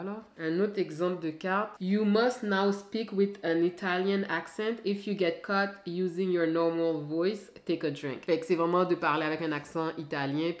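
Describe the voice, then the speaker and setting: A woman's voice: low voice, roomy sound. A woman with a Quebec French accent, chatting casually to camera at home in a vlog and slipping English phrases into her talk. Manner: chatty, mixes in English phrases, frequent fillers. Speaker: vlogger. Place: home, indoors.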